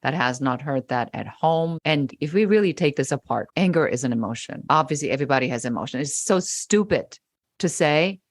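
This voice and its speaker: A woman's voice: sits low, expressive, brisk, no echo, studio quality. A woman guest on a podcast, speaking emphatically and acting out the remarks she quotes. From Germany. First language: German. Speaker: podcast guest, business coach. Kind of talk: interview conversation.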